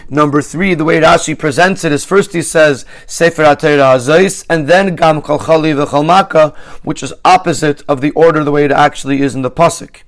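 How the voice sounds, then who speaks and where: A man with a somewhat high voice teaches a Rashi commentary lesson. He sets out his questions one by one in a methodical way. His phrases often stop and restart as he thinks them through. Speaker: Torah teacher.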